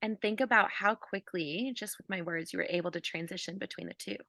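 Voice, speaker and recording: A woman guiding listeners through a calm body-awareness visualization, speaking softly with casual fillers. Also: medium pitch, fairly quick, no room sound. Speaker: physical therapist guiding an exercise. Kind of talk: guided visualization.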